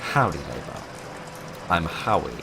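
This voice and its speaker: A man's voice: very deep voice, animated, measured pace, pitched below the performer's own voice, exaggerated voice. A man voicing a cheerful folksy drifter. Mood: friendly. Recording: game music playing underneath.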